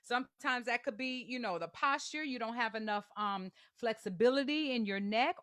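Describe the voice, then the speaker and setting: A woman's voice: a little high, bright, forceful tone, no echo, studio quality. A woman teaching a live online singing masterclass, explaining exercises in an encouraging, chatty way and singing demonstrations. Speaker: vocal coach.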